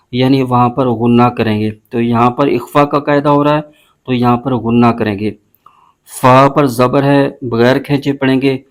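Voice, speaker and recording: A man teaching recitation, moving briskly through pronunciation rules. He stretches out each syllable slowly when spelling words aloud, in a patient, methodical way. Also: mid-range voice. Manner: slow, drawn-out spelling of syllables between brisk explanations. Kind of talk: word-by-word tajweed lesson.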